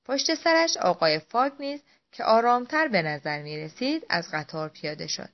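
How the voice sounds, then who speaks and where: A woman narrating a classic adventure novel as an audiobook, clear and expressive. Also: a little high. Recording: dull lo-fi audio.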